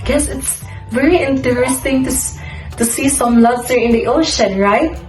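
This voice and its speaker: A woman's voice: high voice, normal speed. A woman presenting a children's lesson, chatting to the viewer with guessing questions that she answers herself. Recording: roomy echo, faint music behind. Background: faint music.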